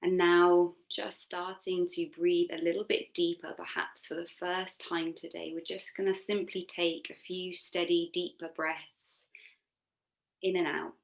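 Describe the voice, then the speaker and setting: Here a woman with a lowish, gravelly voice leads a relaxation meditation as a yoga instructor. She is unhurried and flat in delivery, yet soothing, unforced and gently encouraging.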